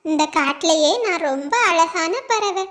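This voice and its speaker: A woman's voice: extremely high pitch, measured pace, a bit bright. A woman voicing a vain, haughty bluebird in a cartoon, dismissive and scornful. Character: vain, haughty bluebird who thinks herself the prettiest.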